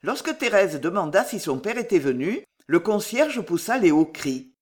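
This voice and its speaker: A reader narrating a classic novel in an expressive audiobook style. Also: mid-range voice, moderate pace, slightly rough. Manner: expressive reading.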